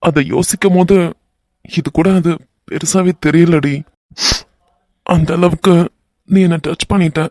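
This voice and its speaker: A devoted young husband in a cartoon love story, earnest and fond of playful banter, voiced by a man. His voice sits a little high, with a Kanyakumari Tamil accent. The recording is dry and close. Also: fairly even intonation, measured pace, long pauses, darkish tone, dry recording, close to an everyday voice. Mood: earnest musing. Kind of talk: animated romance voice acting.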